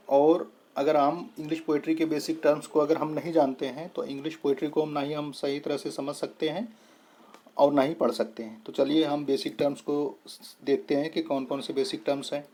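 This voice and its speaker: A man teaches a lesson in an unhurried, explaining way. His voice sits a little high but sounds warm and dark. He spells words out piece by piece and keeps pausing to check that his listeners follow. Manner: repeats "thik hai" to check understanding; spells out and splits words slowly. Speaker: English tutor.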